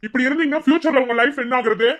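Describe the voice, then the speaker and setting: A man's voice: very high-pitched, rapid-fire, a bit bright. Man doing a scolding college principal. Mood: stern. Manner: lecturing, scolding.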